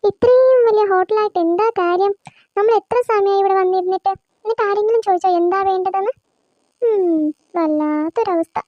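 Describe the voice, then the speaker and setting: A woman's voice: extremely high pitch, fairly quick, no echo, muffled recording. A woman voicing a fussy, complaining grandmother in a cartoon, with an impatient, scolding manner. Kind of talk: cartoon voice acting.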